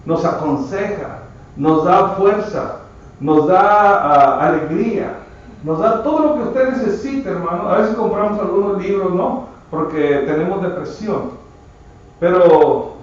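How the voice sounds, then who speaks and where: A man preaching a sermon with emphatic delivery, often addressing listeners as brother. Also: sits high. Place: church. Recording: echoey church from far off, muffled.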